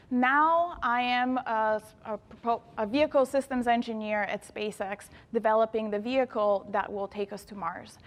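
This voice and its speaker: Addressing young students directly, this enthusiastic engineer and planetary scientist from Bulgaria, in her thirties, delivers an inspirational youth talk at an event hall. Her voice sits a little high and carries the sound of a large hall.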